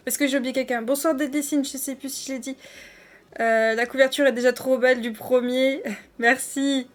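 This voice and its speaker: A woman chats to her viewers during a live stream, her voice sitting a little high. She talks loosely and warmly to her chat, full of fillers and restarts. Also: steady tone, moderate pace.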